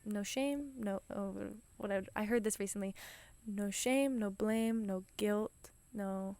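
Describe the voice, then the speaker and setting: A woman's voice: medium pitch, slow pace, dark tone, no echo. A woman hosting a podcast, giving an enthusiastic, encouraging motivational talk in a chatty way, often restarting her sentences. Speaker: podcast host.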